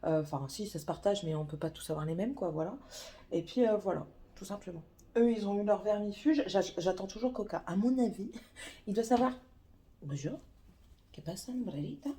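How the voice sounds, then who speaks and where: A mother chatting casually in a home vlog, rambling and hesitant, with lots of pauses as she talks. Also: mid-range voice, warm tone.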